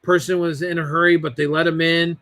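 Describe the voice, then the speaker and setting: A man in his forties telling lively family stories on a podcast over a video call. His voice is bright and fairly high, and he slips into voices for the people he describes. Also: fairly quick. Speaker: podcast guest. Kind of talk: casual storytelling.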